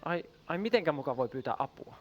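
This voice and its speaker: A woman voicing a glum donkey in a puppet show who doubts herself, speaking low-key and calm. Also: highs cut off. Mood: skeptical. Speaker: puppet character.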